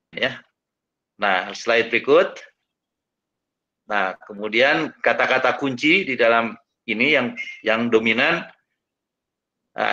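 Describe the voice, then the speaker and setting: A man giving a geology lecture in an online webinar, unhurried and full of hesitant fillers, his audio choppy and breaking up over a bad connection. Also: mid-range voice, pushed and bright. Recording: dull lo-fi online call audio.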